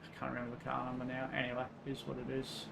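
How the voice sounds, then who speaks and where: A man's voice: mid-range voice, completely flat delivery, fast, vocal fry. A man with an Australian accent casually commentating on a livestream in a laid-back, blokey, matey way. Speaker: livestreamer racing in an online endurance sim race. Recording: some background noise.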